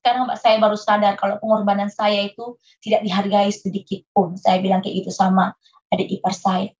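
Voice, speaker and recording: A woman's voice: medium pitch, level tone, a little fast, a little mellow. A woman being interviewed, earnestly telling a painful personal story and acting out her past conversations. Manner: earnest, re-enacting her own past dialogue. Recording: muffled lo-fi recording.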